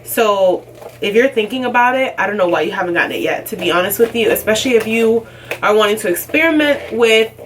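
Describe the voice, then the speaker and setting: A woman's voice: medium pitch, lively intonation, brisk. A young woman chatting casually as a beauty vlogger, full of "like" and "um" as she goes. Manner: chatty, lots of "like" and "um". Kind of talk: casual unboxing chat. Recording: slightly distant, faint background noise.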